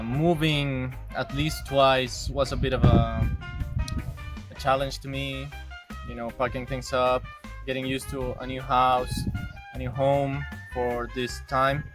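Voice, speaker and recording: A man from Bolivia giving a measured, reflective testimonial as a program participant. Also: medium pitch.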